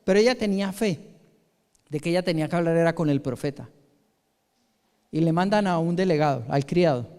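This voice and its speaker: High-voiced Colombian pastor preaching. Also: male voice, fairly quick, pauses often. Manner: animated storytelling, acting out quoted voices, emphatic. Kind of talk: sermon. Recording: long hall reverb.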